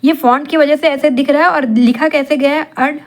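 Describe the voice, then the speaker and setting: A woman's voice: high-pitched, steady tone, brisk. A woman tutoring for an exam in Hindi, asking rhetorical questions and answering them herself, mixing in English terms. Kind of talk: classroom-style exam lesson.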